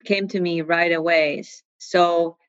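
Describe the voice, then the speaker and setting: A woman's voice: on the low side, fairly even intonation, unhurried, smooth, dry recording, muffled recording. A middle-aged woman from Taiwan, a sleep physician, answering podcast interview questions thoughtfully with fillers and restarts.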